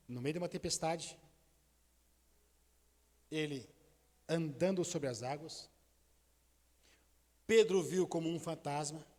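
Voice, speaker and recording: High-voiced preaching pastor in echoing hall. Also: male voice, takes it slowly, long pauses. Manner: impassioned preaching, swinging between loud declarations and hushed, intimate asides. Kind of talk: sermon. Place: church sanctuary.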